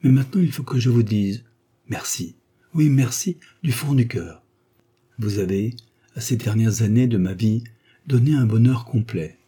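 A man's voice: on the low side, moderate pace, warm tone, husky. A man reading as a courtly doomed count. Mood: tender. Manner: courtly, earnest declamation. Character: doomed aristocratic male count, gracious and composed.

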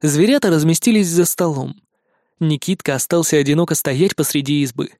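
Male audiobook narrator; slightly high voice, expressive, dry studio sound. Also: fairly quick, dry recording. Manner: expressive storytelling. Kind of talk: scripted narration.

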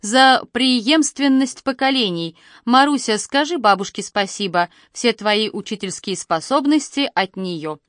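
A woman's voice: medium pitch, animated, moderate pace, few pauses, a bit bright, dry recording, clean studio sound, lightly acted. A woman voicing a father in a storybook reading, jokey and teasing with the children. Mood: joking. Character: joking father of the family.

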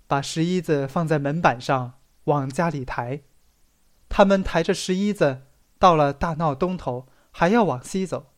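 Expressive and storyteller-like, an audiobook reader works through a literary story, stressing its dramatic passages in a medium-pitched voice.

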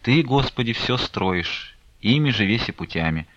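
A man's voice: medium pitch, lively intonation, unhurried, fairly bright tone, no room sound. A man reading aloud voices an elderly pious mother who pleads and laments over her daughter, on a dull lo-fi recording. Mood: devout.

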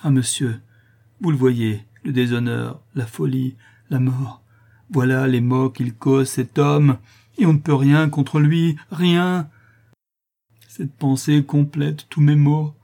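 A man's voice: mid-range voice, normal speed, warm tone, husky, lightly acted. A man voicing a desperate young woman in an audiobook, crying out in anguish. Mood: grieving. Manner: pleading, anguished cries. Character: desperate young woman, daughter of a ruined artisan. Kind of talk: audiobook character reading.

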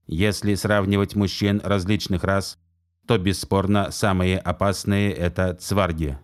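This is a prim robot nanny with a metallic, mechanical voice, done by a man reading a story aloud. He speaks low and slow, evenly and without hurry. He recites facts like a technical manual, literal and exact. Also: level tone. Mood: flat, matter-of-fact. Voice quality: metallic, measured robotic delivery. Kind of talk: audiobook reading.

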